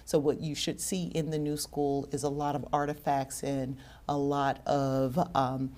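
A middle-aged woman, a school district official, answering interview questions in a measured way with some fillers, recorded in a school TV studio. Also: a bass voice, little pitch movement, a little mellow. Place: school TV studio with bookshelf set.

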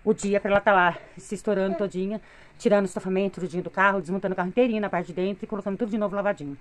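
Weary fast-talking Brazilian woman venting. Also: mid-range voice, steady tone, slight background noise. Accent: Brazilian Portuguese. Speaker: vlogger, mother of three. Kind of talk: casual home vlog. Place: home living room.

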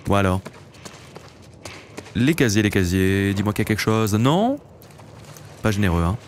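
A man's voice: fairly low pitch, animated, moderate pace. A man in his late twenties hosts a let's play, chatting casually to viewers as he plays. He talks in an easy, loose way. A faint hiss sits behind his voice. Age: late 20s. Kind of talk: casual gameplay commentary.

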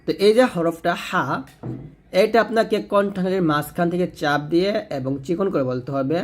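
A man's voice: high-pitched, expressive. A man teaching pronunciation step by step, stretching out each sound as he demonstrates it. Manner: slow drawn-out demonstration of sounds.

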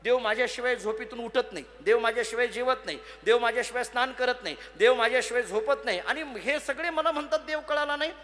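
A man voicing an indignant, proud male saint who insists loudly as he pleads, within a sermon. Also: extremely high pitch, quick pace, hardly any pauses. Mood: insistent. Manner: insistent, exclaiming.

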